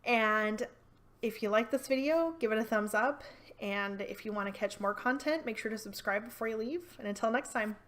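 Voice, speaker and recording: A woman's voice: on the high side, normal speed, a bit bright. A woman, chatting casually and rambling as she reviews a book for her vlog. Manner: chatty, rambling with restarts and fillers.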